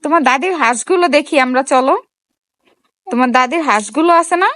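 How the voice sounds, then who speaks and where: A woman talks gently to her toddler, coaxing and asking little questions as she films. Her voice sits high, and it sounds close and dry, with no room echo. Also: expressive, fairly quick. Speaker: mother filming her toddler. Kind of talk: casual vlog talk to a small child.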